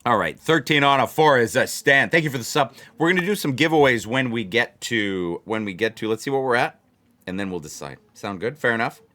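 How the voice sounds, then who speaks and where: This blackjack channel's host, a man, chats loosely with his livestream audience, wandering off topic and repeating phrases to drive points home. He has a mid-range voice that is animated, fairly quick, bright and forceful.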